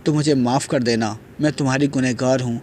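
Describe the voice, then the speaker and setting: A man's voice: mid-range voice, steady tone, a little mellow, slight background noise, close to an everyday voice. A man voicing a tearful, remorseful middle-aged aunt in an audio novel, speaking in a pleading, apologetic way.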